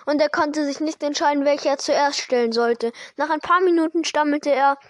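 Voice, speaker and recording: A woman reading a novel aloud in a steady way, with small slips that she corrects. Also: sits high, moderate pace, dry recording. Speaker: reader.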